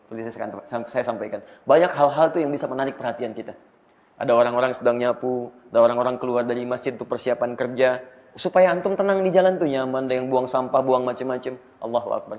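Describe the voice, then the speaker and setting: A man preaching an Islamic study sermon, asking the audience rhetorical questions in a lively way. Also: medium pitch. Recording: echoey hall, slightly dull sound.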